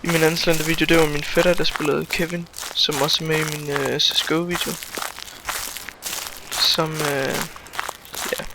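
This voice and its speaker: A man's voice: a little high, little pitch movement, gravelly, pauses often, background noise. A young man rambling and swearing through a solo horror game, jumpy and scared, talking into a desk mic at home. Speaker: gamer. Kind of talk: solo horror let's play commentary. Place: room at home, alone. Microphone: desk mic, no facecam.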